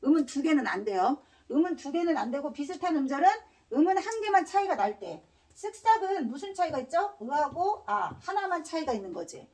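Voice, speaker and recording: A high-pitched woman teacher lectures with a lively, swooping voice, firing quick repeated questions at her class and dropping casual slang between points. She sounds a little distant from the microphone. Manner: drills students with repeated questions. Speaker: Korean language teacher.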